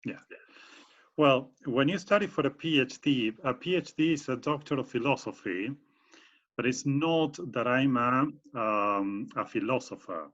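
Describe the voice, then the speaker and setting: Speaking a little slowly at medium pitch with a fairly bright tone, a male university professor from Argentina explains his academic work as a guest in a video call interview. His Argentine Spanish-accented speech is full of fillers and restarts, and the recording is muffled.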